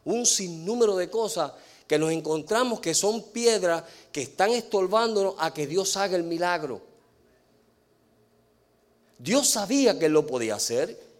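Man, preacher, high voice, sermon, rhetorical questions to the congregation, slow stressed words. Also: expressive. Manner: asks the congregation rhetorical questions and answers them; slows and stresses key words.

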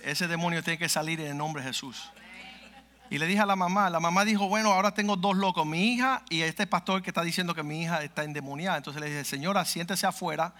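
A man's voice: on the high side, bright, forceful tone. A male pastor telling a testimony in a sermon, acting out the dialogue as he goes. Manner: vivid storyteller acting out dialogue.

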